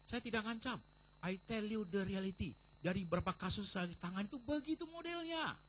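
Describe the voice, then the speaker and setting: Male pastor, sermon in a big church; high, lively delivery swinging all over, faint hum behind. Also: a little fast. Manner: animated preaching, acts out congregants, mixes in English. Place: large church.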